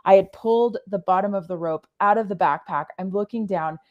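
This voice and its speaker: The audio is dull, and the woman's voice is mid-range. She shares a personal story as a podcast guest, speaking earnestly but haltingly, often breaking off to reword things.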